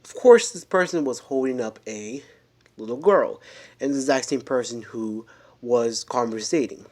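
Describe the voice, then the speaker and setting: A man's voice: medium pitch, darkish tone. A man spins a made-up story at home in an ordinary mid-range voice. He rambles and stumbles, restarting his sentences and filling gaps as he goes. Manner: rambling, halting, many restarts and fillers. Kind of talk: improvised spoken story.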